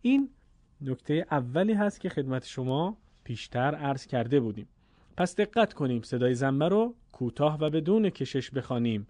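A man teaching the correct way to recite the Quran to listeners, formal and courteous, drawing out vowels slowly in demonstrations. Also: medium pitch, sing-song, dark tone, dry recording. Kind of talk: recorded lesson for listeners.

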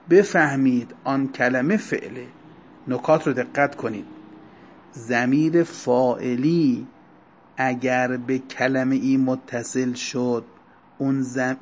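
A man teaching a grammar class, explaining terms one by one, slowing down and stressing key words. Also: fairly high pitch, a little mellow. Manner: explanatory, lecturing to students, slow deliberate stresses on terms. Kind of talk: Arabic grammar lecture. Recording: dull lo-fi recording.

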